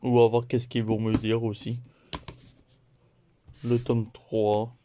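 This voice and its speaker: Un homme qui présente ses achats de mangas de la semaine sur un ton décontracté, en énumérant les titres un par un et en riant de ses erreurs. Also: male voice, on the low side, completely flat delivery, dark tone, slight background noise. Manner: slow, listing titles one by one; playful, laughs at own mistakes. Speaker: manga haul vlogger. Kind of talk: casual haul video chat.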